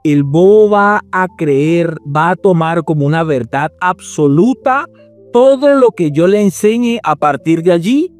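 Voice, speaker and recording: A man's voice: sits high, expressive, a little slow, faint music behind. A man teaching in a sermon style, theatrical and sarcastic as he mocks false visions. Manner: sarcastic, theatrical, swings between mock rapture and scorn. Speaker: preacher and apologetics teacher.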